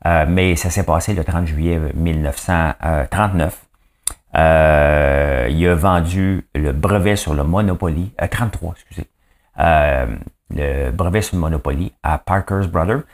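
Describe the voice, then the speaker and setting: A man's voice: deep voice, unhurried. A man with a Quebec French accent hosting a daily news podcast, commenting casually in a rambling, chatty way with many fillers and asides.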